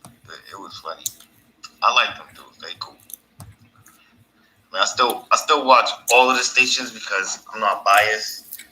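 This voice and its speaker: A man's voice: fairly low pitch, measured pace, pauses often, sharp tone. A man hosting his own podcast in a casual, rambling monologue, laughing at his own stories. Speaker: podcast host. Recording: echoey room.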